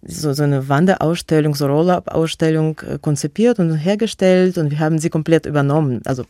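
Guesting on a radio show, a Russian-accented woman whose first language is Russian talks about her museum curating, faltering with frequent fillers and restarts. Her warm voice sits low and moves fairly quickly, captured in studio quality without echo.

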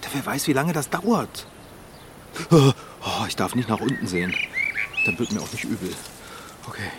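A man's voice: mid-range voice, sing-song, moderate pace, very noisy, natural voice. A man playing a nervous, easily flustered bike tinkerer in a children's radio play. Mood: anxious.

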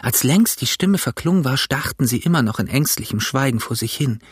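A man reading a novel aloud as narrator, in a steady, measured storytelling manner. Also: mid-range voice, husky, no room sound, studio quality. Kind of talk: audiobook reading.

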